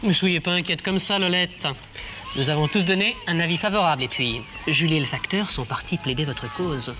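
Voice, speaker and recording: A man's voice: on the high side, brisk, sharp tone, slight background noise. A man playing a kindly, reassuring presenter in a children's television show, encouraging and didactic, often repeating himself. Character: kindly, reassuring male friend and teacher.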